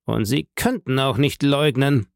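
A man's voice: medium pitch, a little slow, gravelly, dry recording, studio quality. A man voicing a cold, stern male prosecutor who speaks sharply and in commands. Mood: accusing.

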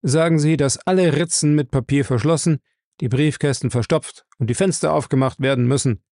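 A man reading aloud, voicing a terse, Scottish-born detective in a low, gravelly voice. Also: a little fast, darkish tone, no room sound, studio quality, close to an everyday voice. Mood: urgent. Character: tense Scottish-born male police detective.

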